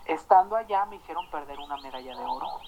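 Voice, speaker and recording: A man with a Mexican accent telling a story in casual chat, animated and swearing, acting out the dialogue. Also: on the high side, fast, creaky, background noise.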